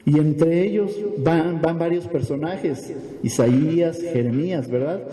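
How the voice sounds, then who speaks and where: A man's voice: on the high side, takes it slowly, warm tone. A man preaching a sermon as pastor, asking rhetorical questions and tagging on "¿verdad?", recorded in a church hall.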